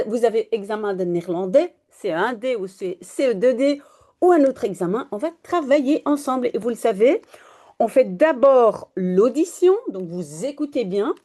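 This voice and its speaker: A woman teaching Dutch and reading a children's story aloud in a clear, teacherly way. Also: a little high. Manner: animated, clear teacherly delivery.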